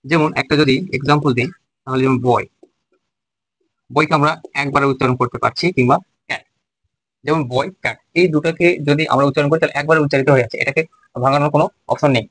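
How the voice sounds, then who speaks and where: A man teaching a basic grammar lesson, speaking slowly and repeating phrases as he works through examples. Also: fairly high pitch, fairly even intonation, fairly bright tone, rough recording. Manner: slow, repeats phrases while writing examples.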